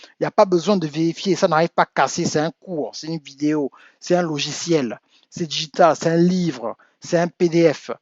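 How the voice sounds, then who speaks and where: A man from Africa, a business coach at home in the United States, speaks at normal speed in a slightly high voice. His talk to his audience is insistent and climbs into emphatic urging, and the audio is dry and dull.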